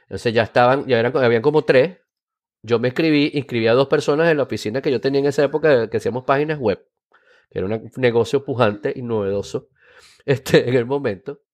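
A man's voice: medium pitch, fast, darkish tone. A middle-aged man with a Venezuelan accent, hosting a casual tech podcast and telling old stories with acted-out quotes. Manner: reminiscing storyteller, acts out quotes.

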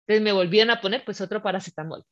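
A woman telling a personal story in casual chat, animated and acting out the scenes with her voice. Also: mid-range voice, very fast. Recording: slightly muffled lo-fi recording.

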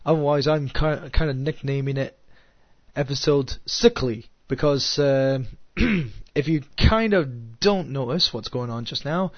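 A Scottish man hosting his radio show with a sore throat and a cough, rambling and halting with a wry, sarcastic edge, speaking into a headset. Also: mid-range voice, no echo, highs cut off. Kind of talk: casual solo podcast chat.

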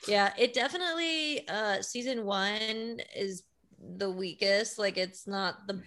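A woman's voice: medium pitch, slow, fairly bright tone. Female co-host, chatty and casual, full of little fillers. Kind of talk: casual chat.

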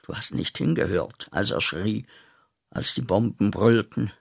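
A bitter young man back from the war hurls accusations at God in a radio drama. His voice is gravelly and husky, and his delivery is slow and deliberate. He sinks to a mutter, then flares up into loud outbursts. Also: lowish voice, animated, heavily acted. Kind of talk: radio play acting.

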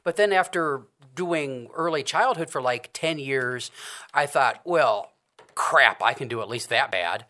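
Man, middle-aged, bright tense voice, casual rambling chat. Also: mid-range voice, unhurried. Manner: rambling storyteller, self-correcting with many restarts. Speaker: podcast co-host.

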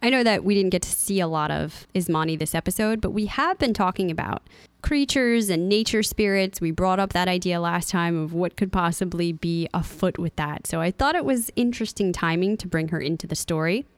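A podcast co-host with a lowish voice speaks briskly, her tone clean and the recording dry. She blends casual chat with a prepared, informative segment, reading notes with frequent asides and laughs.

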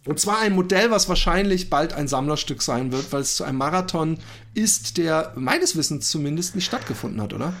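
A man co-hosting a casual podcast chat, animated, with many fillers and restarts. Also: fairly high pitch, fairly quick, creaky, slight background noise. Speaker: podcast co-host.

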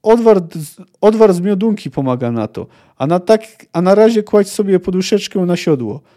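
A man's voice: high voice, expressive, normal speed, dark tone, voice pushed up. A man reading aloud and voicing a blunt, plain-spoken young woman archer from the forest. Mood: dry. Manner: curt, folksy talk.

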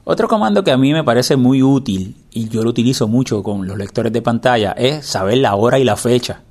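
A man's voice: mid-range voice, lively intonation, fairly quick, a little mellow. A man instructing in a screen reader tutorial, explaining patiently and repeating the key steps. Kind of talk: spoken step-by-step tutorial.

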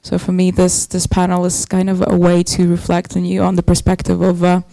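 A woman's voice: lowish voice, monotone, brisk, gravelly, warm tone, dry recording, low-quality recording. A woman from Estonia introducing herself as a speaker on a live panel. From Estonia, from Narva. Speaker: panelist, amateur musician and stand-up comic.

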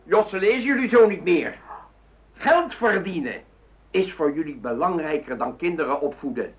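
Brief: actor as an unyielding old patriarch, high reedy voice, dull echoey radio-play sound. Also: male voice, animated, normal speed, lightly acted. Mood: stern defiant. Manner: stern, unyielding. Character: stern pious old grandfather, stubborn. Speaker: grandfather. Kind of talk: radio drama acting.

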